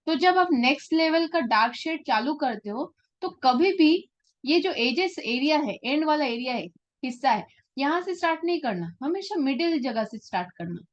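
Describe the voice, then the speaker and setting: A woman's voice: high-pitched, animated, normal speed, lo-fi sound. A woman teaching a live portrait-drawing class, explaining patiently and often checking that her students follow. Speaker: art teacher.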